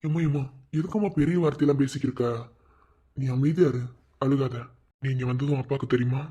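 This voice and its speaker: A woman voicing a gentle older village uncle in a cartoon, speaking soothingly in a Madurai Tamil accent. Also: rumbling low, steady tone, quick pace, husky, lo-fi sound. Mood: concerned. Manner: soothing, concerned. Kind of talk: cartoon voice acting.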